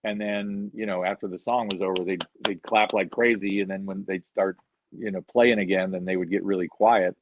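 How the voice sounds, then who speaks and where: A deep-voiced male musician, interviewed by video call, relaxes into rambling stories filled with "you know." His intonation stays fairly even and his pace moderate. The lo-fi sound is dry and a bit dull.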